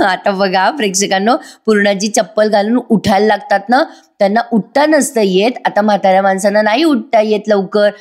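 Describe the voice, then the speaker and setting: A woman's voice: mid-range voice, moderate pace. A woman giving a casual voice-over review of a TV serial, chatting directly to her viewers.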